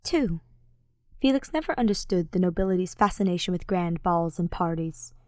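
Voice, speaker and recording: A woman with a lowish, somewhat dark voice narrates a scripted story as an audiobook reader, using lively intonation at a moderate pace. The recording is dry and clean, with a studio quality.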